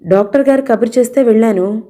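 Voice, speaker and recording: Young man, read by a woman, defensive, firm, mellow, audio novel. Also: very high-pitched, fast, pitched above the performer's own voice.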